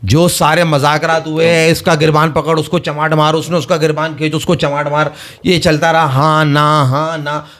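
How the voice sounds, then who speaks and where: A man hosts a relaxed cricket chat and needles his co-hosts with animated, teasing questions. His voice sits a little higher than most men's. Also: normal speed, hardly any pauses. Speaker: podcast host.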